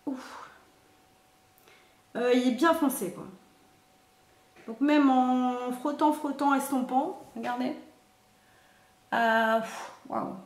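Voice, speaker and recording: A woman's voice: high-pitched, fairly even intonation, slow pace, long pauses, echoey room. A woman, chatting through a makeup unboxing, thinking aloud with many fillers. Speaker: beauty vlogger. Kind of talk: casual product unboxing and swatching.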